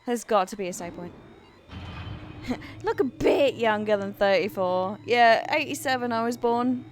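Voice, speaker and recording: A woman's voice: on the high side, unhurried, slight background noise. A woman in her thirties streaming a video game live, chatting with viewers and swearing and exclaiming at the action. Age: 30s. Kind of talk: live gameplay commentary. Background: faint game music.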